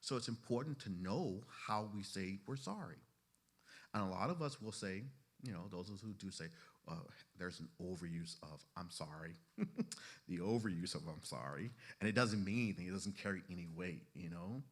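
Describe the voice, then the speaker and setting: Deep-voiced man giving a casual lecture. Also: vocal fry. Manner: conversational, fills with "you know", asks the class questions. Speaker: instructor teaching therapists. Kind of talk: classroom lecture.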